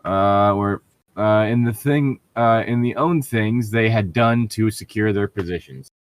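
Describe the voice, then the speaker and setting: Speaking a little slowly in a fairly low voice, a man co-hosts a story reading. He breaks away often for casual chatter and sardonic, cranky, swear-laden jabs.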